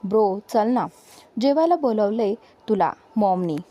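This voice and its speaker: A woman's voice: medium pitch, lively intonation, unhurried, muffled recording. A woman voicing a coaxing young buddy. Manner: coaxing, casual. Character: friendly young man, concerned pal.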